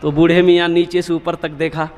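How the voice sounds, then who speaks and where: A man's voice: on the high side, little pitch movement, a little fast, in a large hall. A man preaching an emotional sermon, telling a story dramatically and calling on the audience to answer him.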